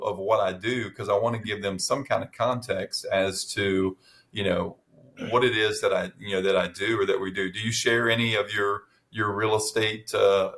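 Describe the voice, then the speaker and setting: A man's voice: on the low side, fairly bright tone. A middle-aged man in casual chat as podcast co-host, telling stories with many restarts and fillers.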